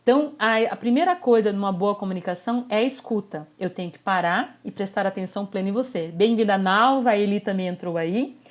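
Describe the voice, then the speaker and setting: A woman, a communication coach giving a live online workshop, animated and constantly checking in with her listeners. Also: mid-range voice, fairly quick, hardly any pauses. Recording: slightly dull lo-fi audio.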